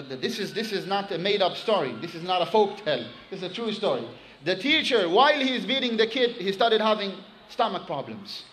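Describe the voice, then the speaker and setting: A man preaching a sermon to his congregation, telling a story with animated emphasis and quickly reciting Arabic phrases. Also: high-pitched, rough recording.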